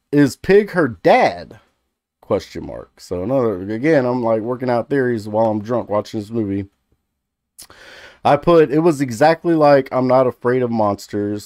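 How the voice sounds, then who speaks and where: Male vlogger, 30s, loose sweary reviewer with a rambling comic delivery, mid-pitched, recorded very dry. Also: darkish tone, dry recording. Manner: rambling, jokey, laughs easily.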